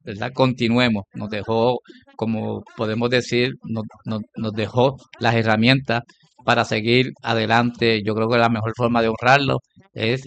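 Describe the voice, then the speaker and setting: A man's voice: mid-range voice, little pitch movement, moderate pace, creaky, fairly bright tone. A man speaking on a radio talk show, hesitating often with filler sounds and restarts. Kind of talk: spoken radio tribute.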